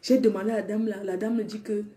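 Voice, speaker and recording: A woman casually telling a personal story, animated and speaking directly to her listeners. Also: medium pitch, fast. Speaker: storyteller vlogger. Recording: echoey room.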